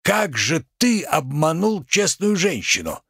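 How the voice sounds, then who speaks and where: A man reading a play aloud, voicing a pompous provincial tragic actor who declaims in drawn-out, thundering phrases. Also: fairly high pitch, very animated, fairly bright tone, breathy edge, no echo, clean studio sound, exaggerated voice. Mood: grandiloquent.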